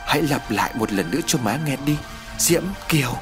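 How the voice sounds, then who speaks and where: A man's voice: medium pitch, lively intonation, brisk, over music, close to an everyday voice. A man doing an anxious mother's raised voice. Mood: pleading. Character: anxious, emotional middle-aged mother.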